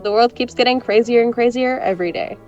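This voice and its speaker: This young adult woman talks fast, her fairly high voice darkish in tone and close to an everyday sound. Cast as a brash, teasing, sarcastic friend in a scripted romantic comedy audio drama, she comes across as sardonic and animated. The audio is dull, with faint music in the background.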